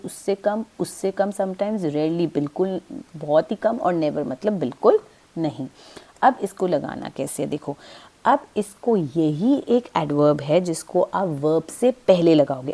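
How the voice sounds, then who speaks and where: A woman with an Indian English accent teaching English grammar step by step, slowing down on example sentences. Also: lowish voice, warm tone. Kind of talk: classroom-style grammar lesson.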